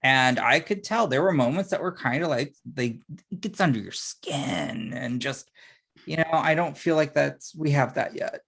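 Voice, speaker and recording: A man co-hosting a podcast in casual chat, relaxed, often sighing and dropping into a murmur. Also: fairly high pitch, moderate pace, gravelly, breathy edge. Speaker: podcast co-host.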